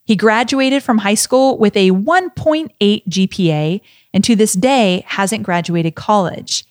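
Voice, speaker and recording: A woman hosting an interview podcast speaks with eager, upbeat enthusiasm. Her voice sits at a middle pitch. The sound is close and dry, with no room echo. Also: measured pace. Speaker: podcast host. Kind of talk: scripted podcast intro and interview.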